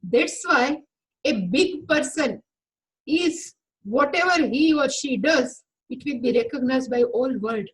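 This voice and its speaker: A woman's voice: high-pitched, slow pace, a little hiss or hum, low-quality recording. A woman spiritual teacher giving a scripture lecture, patiently explaining and glossing Sanskrit terms as she retells an old story.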